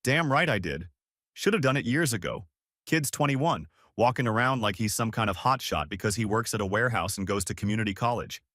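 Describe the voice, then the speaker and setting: A man's voice: fairly low pitch, expressive, fairly quick, a bit bright, no room sound, studio quality. A man voicing a boastful, scornful middle-aged father bragging to his friends at a bar. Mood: mocking boastful.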